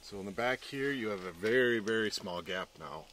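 A man's voice: on the low side, moderate pace, creaky, fairly bright tone, slight background noise. A man giving a casual outdoor walkaround, explaining trailer gear step by step at a wooded campground. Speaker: trailer review vlogger.

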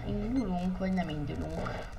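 A woman giving let's play commentary on a racing game, excitable and often shrieking at crashes, talking loudly into a poor microphone. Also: on the low side, gravelly. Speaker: gamer. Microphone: poor gaming mic, speaking loudly into it. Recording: distant mic with faint noise.

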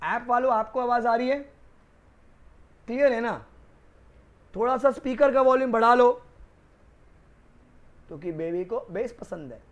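Male law tutor, Rajasthani Hindi accent, high voice, chatty classroom storyteller. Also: unhurried, pauses often, highs cut off. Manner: chatty, joking, addresses students as kids. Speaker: law lecturer for accountancy students. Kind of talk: casual classroom lecture with stories. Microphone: new microphone.

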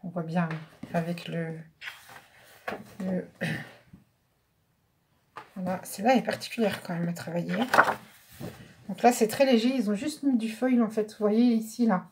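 A French woman chats her way through a craft haul in a relaxed show-and-tell voice, thinking aloud with small fillers and asides. Her pitch sits in a middle range. A faint hiss and some clicking sit under the recording. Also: unhurried, pauses often. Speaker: craft vlogger showing a haul.

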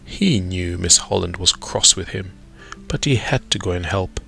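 Male storyteller, very low voice, lively animated delivery, unhurried pace. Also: creaky, soft background music. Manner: expressive, dramatic pauses. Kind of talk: children's storybook read-aloud.

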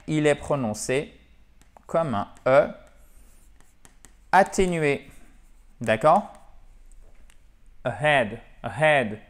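A man teaching an English lesson in French at a whiteboard, animated, often checking in with his viewers and mixing in English example phrases. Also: medium pitch. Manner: animated, repeats and checks in with "d'accord?" and "ok?". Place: classroom-style room with a whiteboard.

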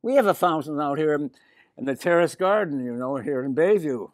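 A man's voice: fairly high pitch, lively intonation, brisk, no room sound, clean studio sound. An older man reading a picture book aloud to children, chatting to them with asides between the lines. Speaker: resident reader.

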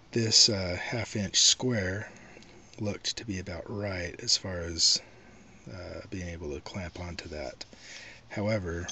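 A man showing a car repair himself, talking in a slow, halting, casual way with many pauses, recorded on a handheld camera outdoors at night under a truck. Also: low voice. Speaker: DIY video maker. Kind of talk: casual how-to demonstration. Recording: loud noise behind the voice.

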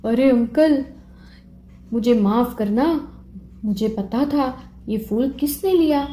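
A woman's voice: a little high, slow, mellow. A woman voicing an honest little boy who blurts things out earnestly. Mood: apologetic. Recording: roomy echo.

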